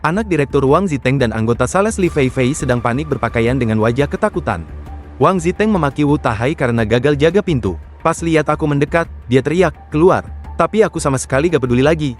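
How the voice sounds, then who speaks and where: A man's voice: a little high, lively intonation, fast talker, soft background music. A man narrating a horror comic recap in the first person, in a casual, slangy storytelling manner.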